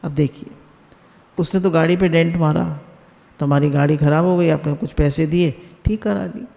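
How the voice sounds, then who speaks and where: A man's voice: on the high side, fairly even intonation, moderate pace, gravelly, dark tone, in a large hall. A man giving a spiritual discourse on a video call. He asks his listeners questions and mixes English words into his talk. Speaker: satsang speaker.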